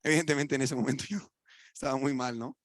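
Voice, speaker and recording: In a church, a young adult man with a Mexican Spanish accent preaches colloquially, posing rhetorical questions and alternating loud, emphatic lines with quiet asides. His mid-range voice holds a steady tone at a quick pace, recorded cleanly in studio quality with no echo.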